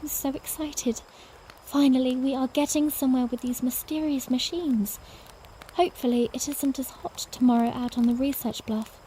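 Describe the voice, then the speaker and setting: A woman playing a young princess in a fanmade audiodrama, narrating in the first person in a soft, earnest, unhurried storybook way. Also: sits high, slight background noise, lightly acted, low-quality recording. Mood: gently excited.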